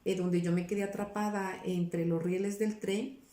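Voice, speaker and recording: Woman, 40s, pastor, personal testimony, earnest, restarts often, mellow tone, roomy echo. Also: lowish voice, level tone, normal speed. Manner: earnest, searches for words with many restarts. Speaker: pastor giving her testimony as interview guest. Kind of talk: personal testimony in a casual interview.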